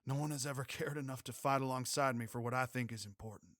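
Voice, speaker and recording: A man's voice: medium pitch, steady tone, quick pace, a bit bright, no echo, close to an everyday voice. A young cowboy, tender and lightly teasing, his voice a bit raised from the plain read, as a male narrator does him. Close and dry, with no room sound.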